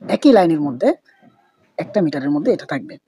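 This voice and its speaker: A woman's voice: deep voice, sing-song, brisk, mellow, slight background noise. A woman giving a patient literature lesson, repeating points and mixing in English terms. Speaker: literature teacher. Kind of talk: explanatory lecture.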